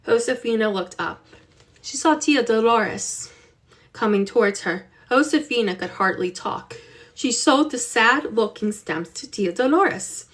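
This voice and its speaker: Woman reading a storybook, slow and lively. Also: a little high. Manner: expressive, unhurried storytelling. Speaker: reader. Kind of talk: reading a children's book aloud.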